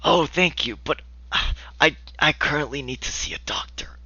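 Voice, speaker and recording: A man voicing a very old man, a frail, polite, wounded fisherman who speaks haltingly and pleadingly. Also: fairly high pitch, pushed and bright, husky, no echo, dull audio, pitched above the performer's own voice, exaggerated voice.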